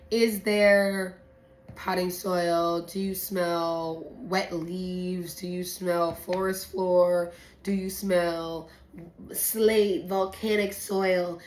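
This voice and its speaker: Slow-paced woman sommelier, playful and slangy. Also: mid-range voice. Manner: playful, slangy, sweary, animated asides. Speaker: sommelier presenting a blind wine tasting. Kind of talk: casual explanatory chat to camera. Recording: roomy echo, faint background noise.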